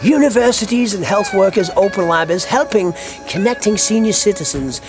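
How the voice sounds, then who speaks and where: A Scottish podcast host delivers a comic monologue rant to his listeners, theatrical and foul-mouthed, packed with colourful slang. His voice is high-pitched and expressive at a normal speed, with music playing under it.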